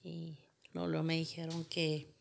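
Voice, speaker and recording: A woman's voice: sits low, monotone, moderate pace, vocal fry. A woman, a podcast guest telling a painful personal story and retelling what everyone said. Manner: retells events with much reported dialogue.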